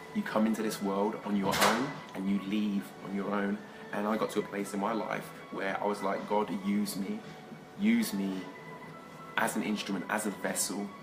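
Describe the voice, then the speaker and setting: A man's voice: on the low side, flat delivery, normal speed, over music, rough recording. Enthusiastic, rambling man hosting a live stream. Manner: enthusiastic, rambling, with repeated words. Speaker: host. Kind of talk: casual conversation.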